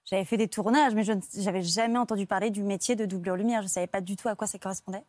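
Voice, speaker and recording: A woman's voice: medium pitch, rapid-fire, dry recording, studio quality. A woman from France, an actress and stand-in, telling her stories as a talk show guest with many fillers. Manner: lively storytelling with many fillers.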